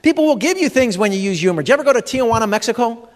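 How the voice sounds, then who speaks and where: Animated high-pitched comedian in a hall. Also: male voice, racing. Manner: animated storyteller, acts out dialogue, addresses audience. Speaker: comedian and humor educator. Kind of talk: stand-up comedy talk. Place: large expo hall before a live audience. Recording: long hall reverb.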